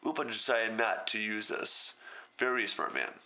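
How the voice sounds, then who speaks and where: A man's voice: lowish voice, expressive, measured pace, sharp tone. A man reading a story aloud and breaking off for wry, sarcastic comments.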